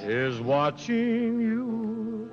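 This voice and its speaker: An actor playing a gentle young man who croons a soft lullaby to a baby, on a dull old 1930s film soundtrack with an orchestra. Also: very high voice, very animated, very slow, music in the background, heavily acted. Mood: tender.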